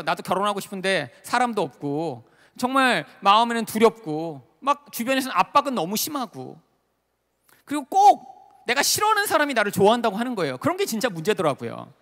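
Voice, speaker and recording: A man preaching a sermon as a pastor, telling a personal story with animated, emotional delivery and lots of fillers. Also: high-pitched. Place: large worship hall at a retreat. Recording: long reverb of a large hall.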